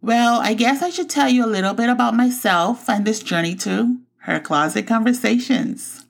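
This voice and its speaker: A woman's voice: a little high, normal speed, gravelly. A woman in her forties from the Bahamas, hosting her own show and telling her personal faith story in a reflective, heartfelt way. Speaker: podcast host.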